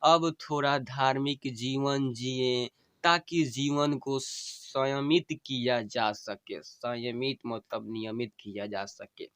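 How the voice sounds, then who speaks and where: A man's voice: mid-range voice, steady tone, slow pace, a bit bright, clear, resonant tone, no echo. A man reading the farewell words of a dying wife to her husband, tender and repeating each plea twice. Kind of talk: emotional story reading.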